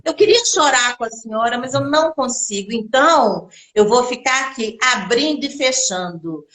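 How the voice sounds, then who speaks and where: A woman's voice: fairly high pitch, lively intonation, moderate pace, fairly bright tone. A woman voicing a kindly talking kitchen door in a children's folktale, with a sing-song storytelling lilt and an echoey room. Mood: sympathetic.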